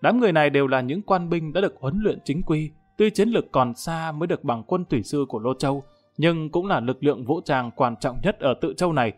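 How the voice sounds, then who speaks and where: A man's voice: fairly high pitch, lively intonation, fairly quick. A man reading a dramatic story as an audiobook narrator.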